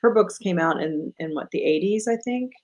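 A woman's voice: medium pitch, normal speed, darkish tone, low-quality recording. A woman guest on a video-call interview, talking about grief in an informative, matter-of-fact way. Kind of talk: casual conversational interview.

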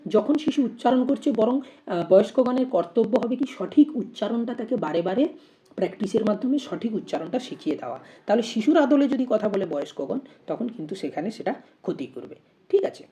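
Woman teacher, warm and mellow tone, methodical explainer who asks rhetorical questions before each answer. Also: mid-range voice, expressive, brisk. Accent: Bengali. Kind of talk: exam-prep lesson.

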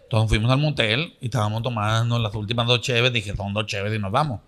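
A man with a Mexican accent telling a long joke on stage, full of slang, acting out the dialogue with sudden high squeaky bursts. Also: fairly even intonation, brisk, a bit bright.

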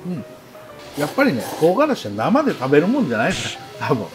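Higher-voiced Kansai man, very animated pitch. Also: quick pace, music in the background. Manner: jokey, chuckling. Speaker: food challenge video co-host. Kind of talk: casual chat while eating ramen.

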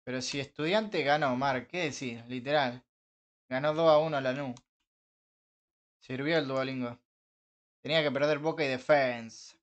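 A young man with an Argentine Rioplatense accent, chatting casually with his live-stream viewers while gaming, joking, swearing and breaking into frustrated shouts. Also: mid-range voice, normal speed, pauses often. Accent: Argentine Rioplatense Spanish. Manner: banters with chat, swears, bursts into frustrated shouts.

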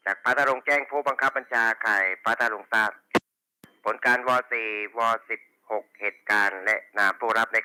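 A man's voice: on the low side, sharp tone, clear, resonant tone, low-quality recording. A man working as a police radio dispatcher, reading back station reports and call signs in formulaic procedure over a walkie talkie. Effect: two-way radio.

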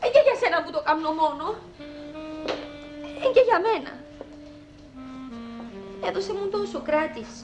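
A woman's voice: very high-pitched, expressive, pauses often. An actress playing an insistent, coaxing woman with a Cypriot accent. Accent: Cypriot Greek. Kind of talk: sitcom acting. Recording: TV sound with music behind.

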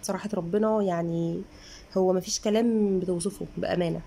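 A woman's voice: fairly low pitch, fairly even intonation, creaky, warm tone. Chatty Egyptian mother reviewing books. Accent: Egyptian Arabic. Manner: chatty, earnest, slowly sounds out syllables. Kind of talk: casual book review vlog.

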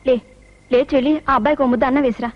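A woman's voice: high voice, steady tone, very fast, close to an everyday voice. An actress playing a kind young mother who pleads earnestly and emotionally, in 1980s film dialogue. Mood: pleading. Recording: dull old film soundtrack with noise.

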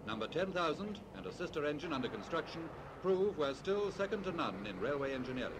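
A man's voice: on the high side, big pitch swings, fairly quick, heavy background noise. A British man narrating a scripted 1940s newsreel in a promotional old newsreel narrator's manner, on an old soundtrack. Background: loud background music.

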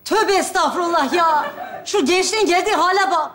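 An actress playing a meddling, sharp-tongued mother in a live comedy sketch, brash and bickering. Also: very high voice, some chatter behind. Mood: scolding. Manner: brash, bickering, quick insults. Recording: stage audio with audience laughter. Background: studio audience.

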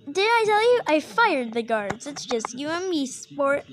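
A woman's voice: high voice, very animated, measured pace. A woman voicing a cocky, taunting young male hedgehog hero in an exaggerated, theatrical, overacted cartoon fan dub. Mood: taunting, boastful.

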